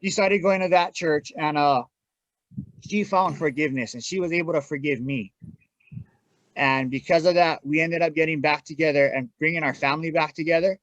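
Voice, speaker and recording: A man's voice: a little high, moderate pace, fairly bright tone. A plain-spoken man giving a candid personal testimony as a podcast guest in casual conversation. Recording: dull, echoey room sound.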